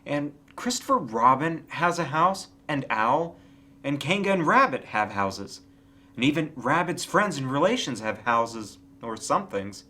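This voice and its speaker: A man voices a kindly storybook bear in an exaggerated, slightly high, somewhat slow voice pitched above his own, with lively, swinging intonation. The bear is simple and earnest, confidently musing aloud in a slightly muddled way.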